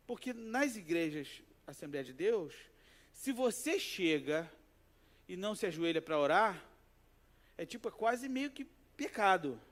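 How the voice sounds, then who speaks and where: A man with a Rio de Janeiro accent, preaching a casual, conversational sermon in church, telling personal stories and playfully acting out the voices in them. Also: a little high. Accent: Rio de Janeiro Portuguese. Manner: animated storytelling, acts out quoted voices, jokes with the congregation. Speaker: pastor. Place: church sanctuary.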